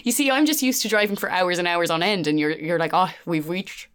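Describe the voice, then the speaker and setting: A woman's voice: on the low side, lively intonation, fast, fairly bright tone, clear, resonant tone. A young woman with a Cork accent co-hosting a podcast, chatting casually in a blunt, teasing way and swearing freely. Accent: Irish, Cork. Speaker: podcast co-host. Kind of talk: casual chat.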